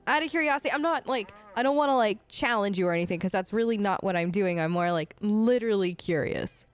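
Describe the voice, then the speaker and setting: Over background game music, a gaming host improvises her player character's lines in a role-play let's play. Her mid-range voice is clean and quick, and her delivery is chatty, casual and a little unsure. The recording itself is dry.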